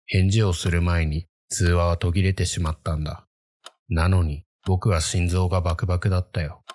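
A man narrating a creepy ghost story in the first person, in a measured, brooding manner. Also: sits low, a little mellow, a little hiss or hum.

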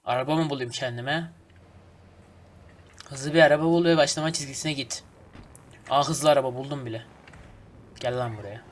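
A man casually commenting on his game as he plays, excitable and swearing at the traffic. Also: medium pitch, normal speed, long pauses. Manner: excitable, swears and grumbles at traffic, hums snatches of folk song. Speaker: gaming channel host. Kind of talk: casual let's play commentary.

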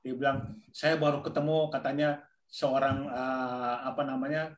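A man's voice: medium pitch, level tone, a little slow. Man telling a story in an echoey room. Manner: rambling storytelling with fillers. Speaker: ministry host. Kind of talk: testimony in church talk.

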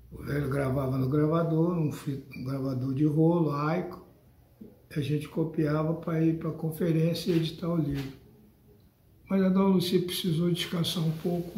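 A man's voice: a little high, a little mellow, reverberant. Older Brazilian man scolding his listeners. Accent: Brazilian Portuguese. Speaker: lecturer on a spiritual book. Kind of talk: monologue addressed to followers.

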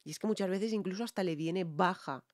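A woman's voice: lowish voice, a little fast, over loud music. A woman from Spain with a Spanish accent, a singer and vocal coach who analyzes a song in a reaction video. She explains as she goes and keeps checking in with her viewers.

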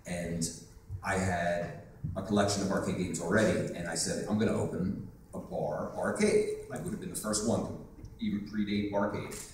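A man's voice: deep voice, steady tone, normal speed, a little mellow, a little hiss or hum. A man on a convention panel telling a rambling, joking story. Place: hotel conference room. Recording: echoey room from far off.

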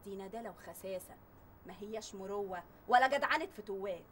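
A woman's voice: mid-range voice, a little fast, a little hiss or hum, natural voice. A woman playing a defiant Egyptian captive. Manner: defiant, bitter. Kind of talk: TV drama acting.

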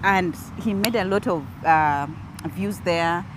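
A woman's voice: fairly low pitch, slow. A young woman with a Ugandan East African accent, chatting casually as an interview guest and repeating phrases expressively, recorded on a lapel mic outdoors. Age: young adult. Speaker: interview guest, content creator. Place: park outdoors by a road. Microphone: clip-on lapel mic. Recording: outdoor ambience with vehicle noise.

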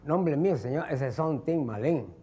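A man playing a meek male traveler at immigration, speaking broken Spanish in a low, soft voice. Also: expressive, unhurried, husky.

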